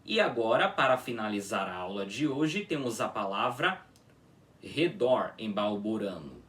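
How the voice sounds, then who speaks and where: Slow, patient man teaching pronunciation. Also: fairly low pitch, very animated, a bit bright, recorded from a distance. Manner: drawn-out patient demonstrations, frequent "tá?" checks. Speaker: language teacher.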